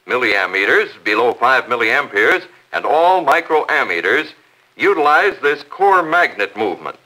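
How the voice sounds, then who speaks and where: A man's voice: medium pitch, pushed and bright, rough recording. A man narrating a 1950s corporate newsreel in a polished, promotional announcer manner.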